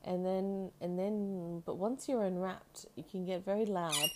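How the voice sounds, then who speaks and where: A woman podcast host chatting casually and intimately to her pet bird, doting and rambling, with soft tag questions. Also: mid-range voice, unhurried.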